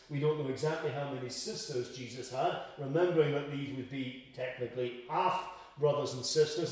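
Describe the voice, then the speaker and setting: A man preaching an evening Bible study in a church hall, measured and explanatory, with frequent hesitations. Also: medium pitch, darkish tone. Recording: very echoey room, from far off.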